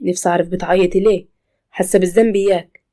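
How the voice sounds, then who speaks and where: Stern male cop, put on by a woman, menacing, interrogating, quick delivery. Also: fairly low pitch, steady tone, mellow, lightly acted. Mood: scornful. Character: stern male police officer, cold and threatening.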